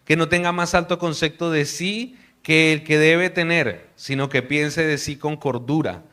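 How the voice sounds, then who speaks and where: Bright, clear-voiced Colombian preacher. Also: male voice, a little high. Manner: earnest, warm preaching with hushed prayer. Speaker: missionary preacher. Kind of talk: sermon.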